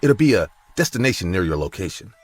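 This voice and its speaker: A man with a very deep voice tells a scripted horror story, his pitch swinging lively from line to line. He reads in a dramatic storytelling manner, with faint music running beneath him. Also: fast talker. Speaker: narrator.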